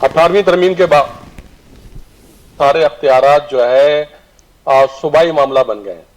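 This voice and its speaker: Remote guest over a distant phone line: man, high voice, blunt debater. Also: measured pace. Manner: blunt, speaks up forcefully. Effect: heard over a phone or video-call line, distant and breaking up. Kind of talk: televised political debate.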